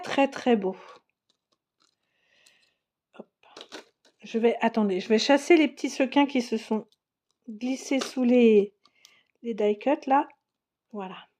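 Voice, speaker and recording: A woman's voice: fairly high pitch, a little mellow. A woman narrating a crafting unboxing in a casual, chatty way, exclaiming over each item. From France. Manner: chatty, enthusiastic, exclaims and laughs often. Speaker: crafting vlogger.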